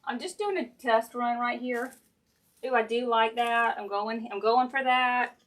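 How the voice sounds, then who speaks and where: In a fairly high, slightly bright voice, a Southern American woman speaks unhurriedly while hosting a casual craft livestream from home. She's folksy and chatty, addressing viewers directly and musing aloud as her hands work. A sensitive live-stream camera mic records her.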